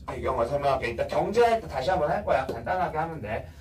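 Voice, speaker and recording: A man gives a casual classroom history lecture in a slightly higher voice, blunt and full of slang. He keeps firing quick check questions at the class. He is picked up from a distance, with faint noise in the room. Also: animated, darkish tone. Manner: blunt, slangy, quizzes students often. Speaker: teacher.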